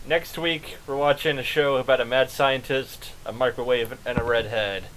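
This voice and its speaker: A young man hosting a podcast in casual chat, relaxed and steering the talk with repeated "all right". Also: medium pitch, moderate pace, crowd noise, rough recording. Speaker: podcast host.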